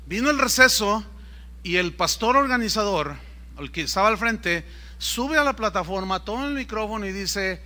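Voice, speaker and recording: A male pastor, preaching a sermon and telling a personal story in an animated way. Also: high-pitched. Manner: animated, acts out scenes.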